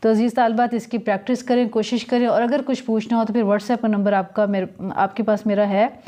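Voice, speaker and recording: A woman's voice: a little high, little pitch movement, a little fast, warm tone. A woman teaching Quran letter pronunciation, sounding out each letter carefully and explaining patiently. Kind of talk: slow letter-by-letter recitation lesson.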